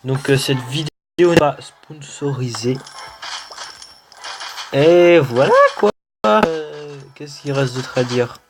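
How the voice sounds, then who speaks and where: A man's voice: mid-range voice, background noise. A man with a French accent commenting casually on a mobile game he is playing, hesitant and full of fillers. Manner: hesitant, many "euh" fillers, slow and unhurried. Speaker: gaming channel host. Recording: music playing under the voice.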